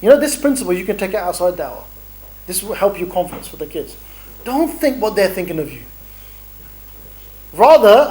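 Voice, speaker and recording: Lively man giving a training talk. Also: high-pitched, rough recording. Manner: animated, bantering, acts out street encounters. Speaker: dawah trainer. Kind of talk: energetic workshop talk.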